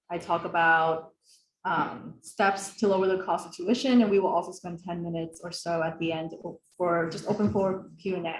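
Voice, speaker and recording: A young woman from the Philadelphia area hosts an online workshop over a video call, speaking in a fairly low voice. The recording is rough, with room echo and a little hiss or hum, and her friendly, casual manner is full of fillers.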